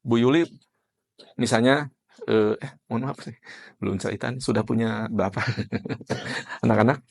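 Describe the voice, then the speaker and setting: A man's voice: mid-range voice, steady tone, moderate pace, vocal fry. A man giving a conversational classroom lecture as an NLP trainer, quizzing participants by name and explaining with everyday examples.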